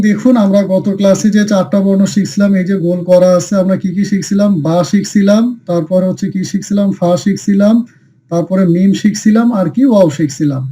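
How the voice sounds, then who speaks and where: High-voiced man teaching in a mellow drill. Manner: repetitive question-and-answer teaching, answering his own questions. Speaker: Quran teacher. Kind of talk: recorded online class.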